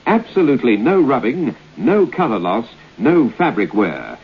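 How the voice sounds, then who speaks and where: A man's voice: medium pitch, very animated, normal speed, husky. A man reading a scripted vintage radio advertisement as a commercial announcer. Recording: dull old radio recording.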